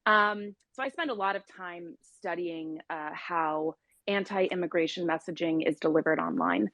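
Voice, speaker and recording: A woman with a lowish voice speaks thoughtfully on a panel, pausing with small fillers. The recording is dry and close. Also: dry recording, muffled recording. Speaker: panel speaker on online messaging. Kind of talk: panel discussion. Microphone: audio-only online talk.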